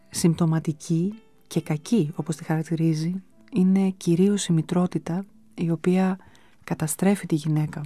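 A woman hosting a radio show, giving a calm, measured, scripted book review. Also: sits low, no room sound. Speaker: radio host presenting books.

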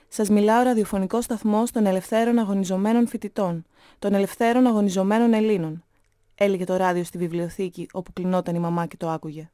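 A woman narrating a story in a steady, measured reading voice. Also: medium pitch, no echo, studio quality.

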